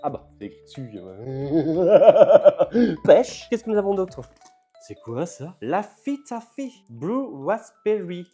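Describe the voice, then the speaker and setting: An older man talks his way through an unboxing, chatty and quick to laugh. His voice is mellow and warm. He trips over English words as he reads them out. Soft music plays underneath. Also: sits high, very animated, husky. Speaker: vlogger. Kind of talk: casual unboxing vlog.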